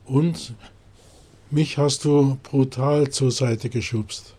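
A man's voice: mid-range voice, steady tone, takes it slowly, dark tone. A man voicing an accusing, resentful sheep from the flock in a storybook nativity crib.

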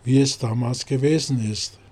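A man's voice: medium pitch, fairly even intonation, moderate pace, darkish tone, slightly rough, natural voice. A man voicing a scornful, know-it-all donkey in a storybook nativity crib, mocking and sneering.

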